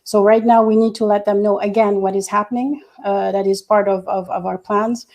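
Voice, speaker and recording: A woman who grew up in Senegal, speaking as an activist guest on a panel, earnest and measured with frequent hesitations. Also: mid-range voice, steady tone, a little mellow. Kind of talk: panel discussion.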